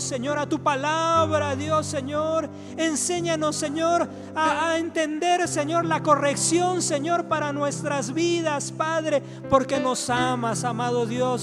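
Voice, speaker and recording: Pastor, male, very high voice, fervent repetitive prayer, music underneath. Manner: fervent prayer, repeating "Dios, Señor" between phrases. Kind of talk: sermon closing and prayer. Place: church. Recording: music playing behind the voice.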